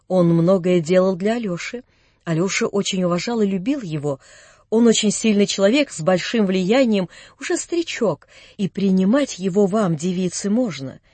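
A silky, scheming middle-aged nobleman, voiced by a male narrator flatters at length with polished phrases. His voice sits fairly high and sounds close and dry. Courtesy masks contempt. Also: no echo. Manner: smooth, ingratiating, then sneering.

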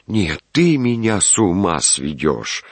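A man voicing a vain, excitable male official who shouts and frets, then muses dreamily. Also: low-pitched, slow, vocal fry, breathy edge, dry recording, exaggerated voice. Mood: agitated.

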